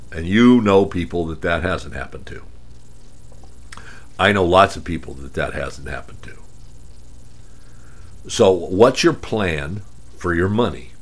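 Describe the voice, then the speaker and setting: A man hosting a radio show on money and retirement, talking emphatically and firing off repeated rhetorical questions. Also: low-pitched. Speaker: radio financial advice host. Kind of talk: radio talk monologue.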